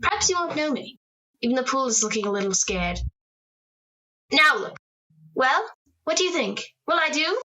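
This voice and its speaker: A woman's voice: high voice, sing-song, normal speed, long pauses, bright, forceful tone, lo-fi sound, full character voice. A woman acting in an old radio drama as a young daughter, affectionate and teasing with her father. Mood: playful. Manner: affectionate, teasing, then pleading. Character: young woman Margaret, playful and clinging.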